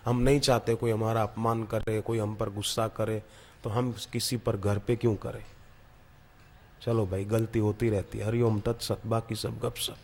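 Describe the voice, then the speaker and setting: Emphatic preacher in a reverberant hall. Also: male voice, mid-range voice. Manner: storytelling, emphatic repetition. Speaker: spiritual preacher. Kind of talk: devotional sermon with anecdotes.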